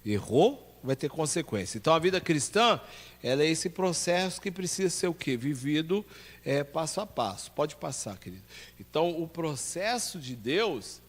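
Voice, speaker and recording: In a church hall with long reverb, a pastor with a Brazilian Portuguese accent and a fairly high voice teaches a ministry class. He poses questions to the students and then answers them himself.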